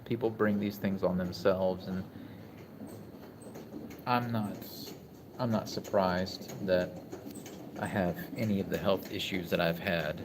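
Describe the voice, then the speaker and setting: A man in his forties talking casually on a live stream from a hospital room, reflective and halting with many restarts. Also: low-pitched, steady tone, background noise. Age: 40s. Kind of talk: casual live-stream talk reading chat.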